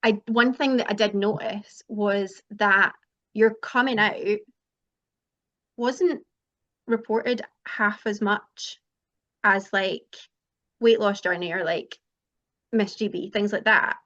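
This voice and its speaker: A woman's voice: medium pitch, steady tone, slow pace, long pauses, fairly bright tone, muffled recording. A Scottish woman hosting a casual chat over a video call, rambling a little with fillers. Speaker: host interviewer.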